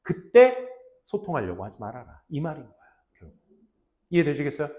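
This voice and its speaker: Lively high-voiced man teaching a class. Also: fairly quick. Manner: casual, drops to low mutters, acts out student lines. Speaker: English teacher. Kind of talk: classroom lecture.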